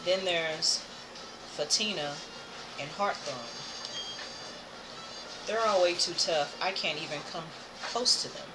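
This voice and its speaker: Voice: medium pitch, slow pace, pauses often, rough recording. An American game streamer thinking aloud in casual, playful commentary while playing. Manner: playful, hums filler tunes, reads game text aloud. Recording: game music behind the voice. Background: video game music.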